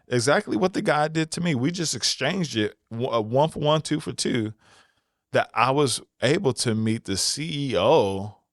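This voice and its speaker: An energetic man tells a motivational story in a relaxed, conversational way. His voice sits in a middle pitch and jumps up when he acts out what others said. The sound is dry and close, with no room echo. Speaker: podcast speaker.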